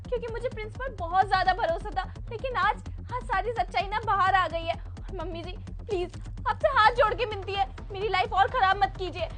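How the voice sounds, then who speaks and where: A woman acting as a young wife in a family skit, accusing her husband loudly and emotionally. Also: very high-pitched. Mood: hurt, pleading.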